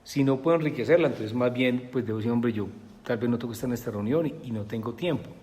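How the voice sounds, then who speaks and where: A man's voice: medium pitch, quick pace, a little mellow, big-room sound. A man telling a personal story in a rambling way, full of filler words, as an interview guest. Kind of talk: conversational storytelling.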